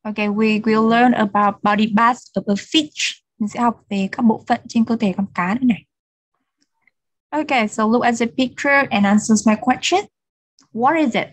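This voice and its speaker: A woman's voice: on the high side, dry recording. A woman teaching English words to children, modelling each word for repetition and praising answers. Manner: models words slowly for repetition, patient and encouraging. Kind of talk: children's English vocabulary drill.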